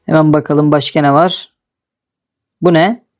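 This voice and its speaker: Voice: medium pitch, fairly even intonation, unhurried, lo-fi sound. A young adult host casually commenting on a game he is playing, teasing and laughing often. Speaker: gaming video host.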